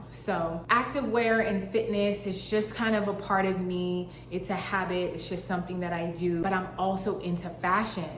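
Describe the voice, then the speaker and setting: This young woman from Boston, founder of her own fashion label, has a voice on the low side. She vlogs casually and playfully to camera, filling gaps with fillers, in an echoey space with faint ambience and a touch of hiss or hum.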